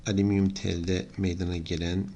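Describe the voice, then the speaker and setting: A middle-aged man teaches an engineering problem in a low, gravelly voice. He explains step by step and pauses to think aloud while he writes his working out. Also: flat delivery, dark tone, slight background noise. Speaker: engineering lecturer. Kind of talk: whiteboard lesson.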